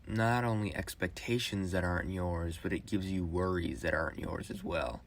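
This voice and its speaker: A late-teen vlogger with a deep, gravelly voice records a rambling personal monologue as a phone voice memo. He speaks haltingly, restarting and using fillers.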